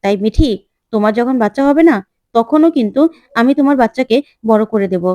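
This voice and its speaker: A woman's voice: on the high side, quick pace, dark tone, no echo, close to an everyday voice. A woman voicing a nosy, prying young married woman in a retold TV serial, asking pushy, coaxing questions.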